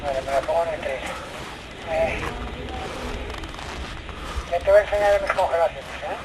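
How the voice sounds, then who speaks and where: A man's voice: on the high side, normal speed. A man on a mountain climb answering a radio call with short, plain replies, heard over a walkie-talkie. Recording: distant radio sound.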